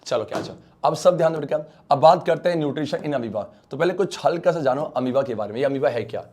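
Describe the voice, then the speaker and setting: An Indian male teacher giving an online science lecture. He coaxes his students along with quick questions, then answers them himself. His delivery keeps slipping English technical terms into his speech. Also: a little high, expressive, darkish tone. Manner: coaxing, calls students beta and bachcha, mixes English terms.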